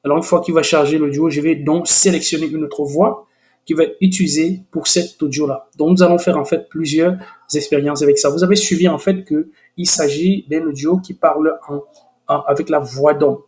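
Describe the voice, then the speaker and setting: In a screen-recorded software tutorial, an enthusiastic man with a fairly high voice keeps restarting and filling pauses hesitantly before growing eager as he displays the results. His tone stays steady and his pace moderate.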